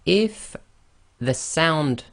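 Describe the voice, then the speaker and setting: A man teaching a slide-based online lesson, explaining slowly and carefully and often checking in with "okay". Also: on the high side, expressive, creaky, a bit bright. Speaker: Quran recitation teacher.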